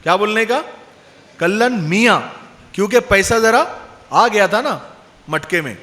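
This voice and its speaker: A male Islamic preacher from Pune tells a sermon story in a lively way and quizzes his audience. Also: sits high. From Pune, India. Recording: long hall reverb.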